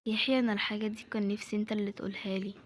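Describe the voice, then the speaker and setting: A woman with an Egyptian accent voicing a hurt, distrustful young woman who confides quietly in an amateur home drama. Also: medium pitch, level tone, racing, lightly acted. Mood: sad.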